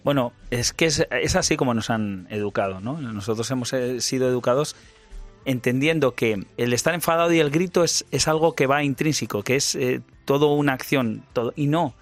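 Un hombre con acento de España que explica la crianza con calma y algunas dudas. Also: male voice, mid-range voice, faint music behind. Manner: measured, hesitant fillers. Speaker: parenting guest expert. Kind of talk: conversational explanation.

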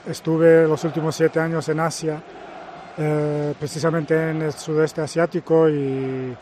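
A Serbian man in his fifties, a native speaker with a Serbian accent, is a guest pundit on a live match broadcast, a former footballer and coach. His voice sits on the high side with a flat, darkish delivery, measured and hesitant with frequent pauses, over slight background noise.

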